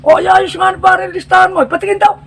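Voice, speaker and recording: A man voicing an excitable grown man who questions his friend in a shrill, incredulous voice. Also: fairly quick, vocal fry, heavily acted. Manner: squealing, incredulous, keeps calling him pare.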